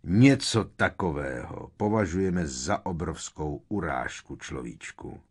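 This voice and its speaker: A man's voice: extremely low pitch, animated, breathy edge, pitched below the performer's own voice, full character voice. A man voicing a proud, stern male centaur who speaks harshly and with scorn.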